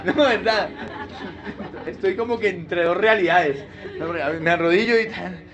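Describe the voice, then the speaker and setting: A man pastor preaching a sermon in a lively, humorous way, full of rhetorical questions. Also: high-pitched, normal speed, muffled recording, crowd noise.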